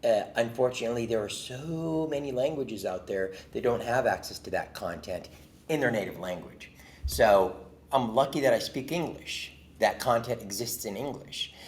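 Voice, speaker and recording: A man's voice: medium pitch, moderate pace, a little hiss or hum. A man from Jordan, a native Arabic speaker, answering interview questions with passionate, earnest storytelling. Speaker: guest.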